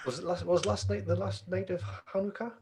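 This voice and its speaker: A man co-hosting a podcast in casual chat, wry and self-deprecating, with quick jokes. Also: high-pitched, steady tone, crowd noise. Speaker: podcast co-host.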